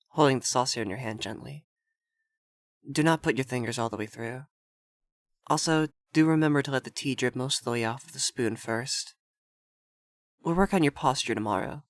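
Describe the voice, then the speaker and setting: Acting as an effeminate vampire lord in an ASMR roleplay, a man commands the listener in a haughty, prim manner laced with tsundere fluster. His medium-pitched voice stays close to an everyday voice, captured in a very dry, intimate recording with no echo.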